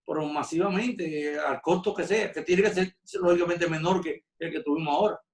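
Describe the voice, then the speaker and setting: A man's voice: on the high side, brisk, reverberant, a little hiss or hum. A man hosting a radio interview, thinking aloud as he asks questions and stumbling over repeated words. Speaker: radio host.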